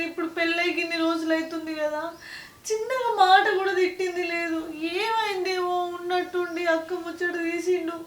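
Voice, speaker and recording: A woman's voice: extremely high pitch, echoey room, distant mic. A young woman with a Telangana accent playing a tearful pregnant wife pleading with her mother. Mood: fearful. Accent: Telangana Telugu. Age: young adult.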